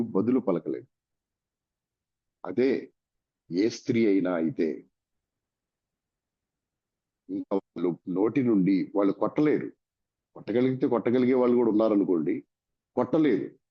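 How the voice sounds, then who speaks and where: Deep husky telugu-accented guy preaching, acts out the story, dull lo-fi sound. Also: lively intonation, moderate pace, long pauses. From India. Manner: dramatic, acts out the dialogue of the story. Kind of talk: sermon storytelling. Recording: dull lo-fi recording.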